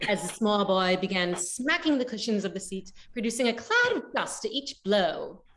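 A woman narrating a story aloud in a measured, expressive way. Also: mid-range voice, slight background noise.

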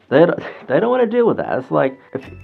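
A man's voice: on the high side, very animated, moderate pace, creaky, soft background music. A man speaking from inside a costume head, muffled, giving casual advice in a rambling way and laughing often. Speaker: fursuiter vlogger.

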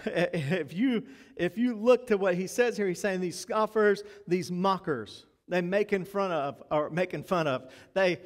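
A male pastor delivering a sermon with animated preaching, pushing louder and higher for emphasis, with folksy self-deprecating asides. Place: church sanctuary. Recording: long reverb from a church hall.

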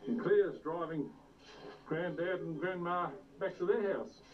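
New dad on old VHS tape. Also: male voice, high-pitched, a little slow. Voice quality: playful, chatty narration to family and kids. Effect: old VHS camcorder tape sound. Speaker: father filming a family home video. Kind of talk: casual commentary while filming. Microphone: camcorder mic. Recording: muffled old VHS tape, distant, hiss.

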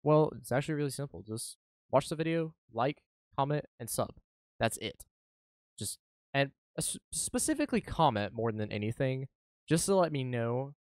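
Guy youtuber rambling excitedly to his viewers, dry close sound. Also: mid-range voice, normal speed, no room sound. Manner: eager, rambling, self-correcting. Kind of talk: casual vlog chat.

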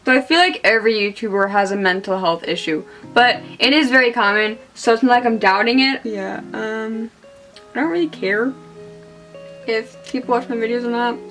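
A woman's voice: fairly high pitch, moderate pace, fairly bright tone, soft background music. A woman in her twenties, hungover, rambling casually and putting herself down as she talks through a makeup vlog. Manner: hungover, rambling and self-deprecating. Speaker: beauty vlogger. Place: small indoor room.

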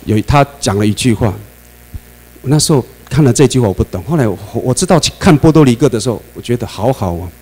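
A man with a Taiwanese Mandarin accent lectures a class in an animated way, throwing questions at his listeners and laughing between points. His voice sits at an ordinary middle pitch, and a steady mains hum runs under the recording. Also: fast, breathy edge, low-quality recording.

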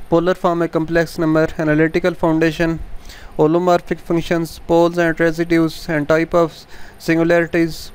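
A man walks through an exam syllabus for his channel. His voice is smooth and resonant, sits a little high, and barely moves in pitch. He rushes the stretches, leans on the filler "jo hai vo", and reads the English topic names out slowly, one after another. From Pakistan. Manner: rapid Urdu-Hindi talk with English terms read slowly as a list; repeats filler "jo hai vo" often. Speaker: YouTube channel host, exam-prep teacher. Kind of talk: fast spoken syllabus walkthrough.

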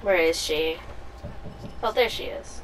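A gaming streamer with a low-pitched voice gives casual commentary on a playthrough, speaking slowly and hesitantly and trailing off as she reads aloud. The mic sounds distant, and faint game ambience sits in the background.

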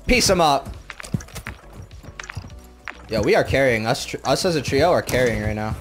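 A man's voice: mid-range voice, lively intonation, normal speed. A young man in casual gaming banter, brash and slangy, with repetitive trash talk. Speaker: gamer. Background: music.

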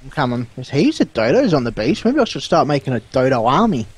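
A man's voice: mid-range voice, sing-song, fairly quick, slightly rough. Man with a broad Kiwi accent. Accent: broad New Zealand. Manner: slangy, matey. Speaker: gamer hosting a let's play. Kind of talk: casual chat during gameplay.

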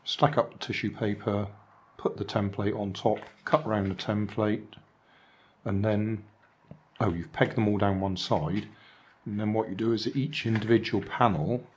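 Reviewing charity shop finds for his vlog, an older man handles them at an indoor table with his hands on camera. His lowish voice holds a steady tone at a moderate pace, and the talk is dry, chatty and musing, with slight background noise.

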